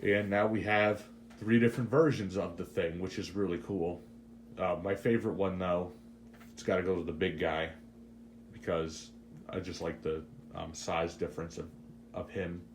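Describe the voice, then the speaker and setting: Low-voiced guy doing a casual toy review, kinda halting, faint noise behind him. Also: steady tone.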